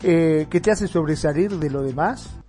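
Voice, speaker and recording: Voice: mid-range voice, moderate pace, warm tone, faint music behind. A speaker chatting casually, giving everyday examples. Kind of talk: casual conversation.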